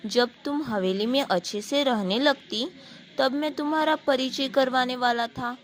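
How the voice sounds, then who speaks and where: A woman voicing a calm, caring male duke who speaks gently and reassuringly to his adopted daughter, in a storybook retelling. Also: high-pitched, a little slow. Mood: gentle.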